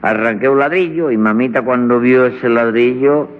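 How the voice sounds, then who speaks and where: A man's voice: medium pitch, steady tone, normal speed, lightly acted. A man with a Cuban accent playing a bumbling, cheeky defendant who rambles and mangles words in a vintage radio comedy, on a dull old recording with reverb. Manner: rambling, mangles words, calls everyone "chico". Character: bumbling, cheeky male defendant full of tall tales. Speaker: defendant in a comic courtroom.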